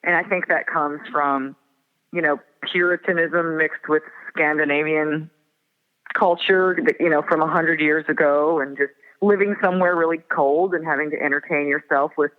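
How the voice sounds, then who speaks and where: A woman in her forties from the northern prairie, reflective and often laughing softly as an interview guest. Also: sits low, steady tone, moderate pace. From Minnesota and North Dakota border area. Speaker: guest singer-songwriter. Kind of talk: casual interview chat. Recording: tinny phone-like line with long reverb.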